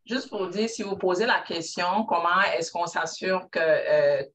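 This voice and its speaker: A woman with a Quebec French accent presents at a seminar. She sounds like she is set back from the microphone. She explains each point methodically and often pauses on fillers. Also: lowish voice, recorded from a distance. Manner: explanatory, with frequent fillers and restarts. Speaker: hospital operating room manager.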